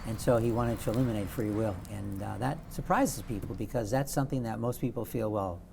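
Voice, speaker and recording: Measured man lecturing as a guest. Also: on the low side, creaky, mellow, slight background noise. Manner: measured, lecturing, stresses key words. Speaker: guest author. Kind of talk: explanatory interview talk.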